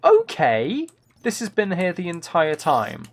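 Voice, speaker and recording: A man's high voice swoops wildly in pitch as he talks a little slowly during casual gameplay stream chat. He rambles with enthusiasm and thinks aloud through ideas, with keyboard clicking clearly audible in the background.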